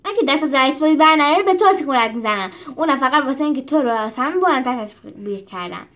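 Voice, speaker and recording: A woman voicing a whiny, resentful young male gladiator who complains in a raised, high voice. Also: lively intonation, a bit bright. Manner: whining, resentful.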